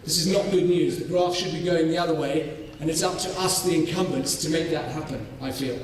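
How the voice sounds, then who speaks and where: A man's voice: on the high side, recorded from a distance, a little hiss or hum. Man speaking in an echoey hall. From North Wales. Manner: measured, with frequent ums and restarts. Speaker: farming scholar presenting his study. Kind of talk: conference presentation.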